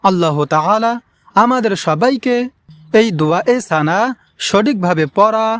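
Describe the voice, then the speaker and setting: Slow, patient man teaching recitation. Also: high-pitched, expressive, a bit bright. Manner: patient, repeats words slowly for learners. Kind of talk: slow pronunciation lesson with drawn-out Arabic recitation.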